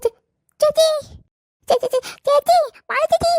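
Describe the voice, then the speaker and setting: A woman's voice: extremely high pitch, steady tone, moderate pace, a little mellow, pitched above the performer's own voice. A woman voicing a whiny younger sister, a little girl, in a cartoon. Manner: whiny, pleading. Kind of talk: cartoon voice acting.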